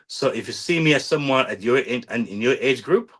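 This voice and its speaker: A man in his 40s with a mid-range, expressive, slightly bright voice talks briskly on his own podcast. It's a repetitive, casual pep talk in which he earnestly coaches listeners, plugs himself, and keeps asking "all right?"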